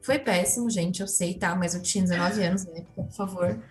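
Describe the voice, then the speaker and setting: A woman's voice: fairly low pitch, steady tone, a little fast, a little mellow, soft background music. Candid young Brazilian woman telling her story. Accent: Brazilian Portuguese. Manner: candid, chatty, full of fillers and asides to the listeners. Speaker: interview guest. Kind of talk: casual personal storytelling.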